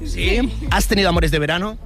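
A man's voice: high voice, fairly bright tone, soft background music. A man with a Peninsular Spanish accent, a playful, chatty street reporter interviewing passers-by outdoors. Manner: chatty, playful, quick to joke. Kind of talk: upbeat street vox-pop interviewing.

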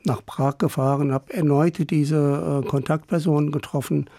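An older novelist from Iran, answering interview questions in a radio studio in a relaxed, hesitant way. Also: male voice, on the high side, moderate pace, creaky, dry recording. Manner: relaxed, thoughtful, with many hesitations. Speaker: novelist guest. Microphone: studio microphone.

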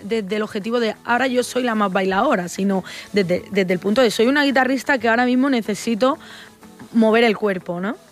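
This Spanish-accented flamenco singer, a young adult woman from Barcelona in Spain, responds to interview questions in a mid-range voice. Her answers come thoughtfully yet hesitantly, peppered with fillers and false starts.

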